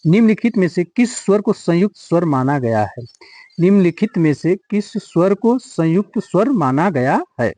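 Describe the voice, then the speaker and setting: Man teaching, repeating questions slowly. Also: sits high, sing-song, dark tone, no room sound. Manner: repeats questions and answers, drawing out words for emphasis. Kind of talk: exam-prep grammar lesson.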